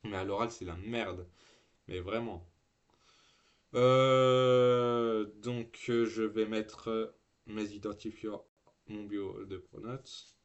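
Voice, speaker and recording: A man's voice: on the low side, fairly even intonation, slow pace, muffled recording. A teenage boy live-streaming from home, chatting loosely with slang and swearing, full of restarts and trailing fillers. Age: teens. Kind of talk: casual live-stream chat.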